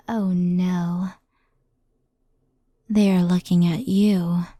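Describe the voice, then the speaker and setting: In an ASMR roleplay, a woman voices a gentle, anxious fox spirit centuries old, speaking softly and breathily, often whispering close to the microphone. Her medium-pitched voice is hushed and unhurried, with no echo.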